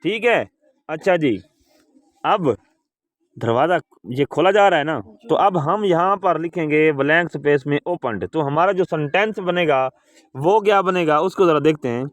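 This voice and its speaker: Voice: mid-range voice, moderate pace, no room sound. Teacher, call-and-response English lesson, spells words letter by letter, calls pupils "beta".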